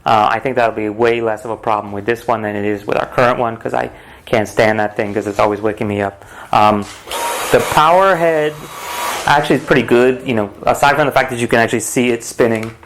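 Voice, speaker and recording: A man's voice: mid-range voice, a little fast, fairly bright tone. A man giving a casual, rambling, matter-of-fact hands-on product review as the host of an unboxing vlog. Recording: home recording with clear noise and clicks.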